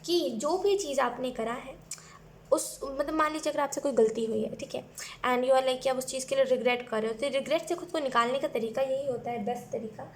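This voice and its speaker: A woman's voice: sits high, fairly quick, a little hiss or hum. A young woman giving a casual tarot reading, chatting in a mix of Hindi and English at home. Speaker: tarot reader.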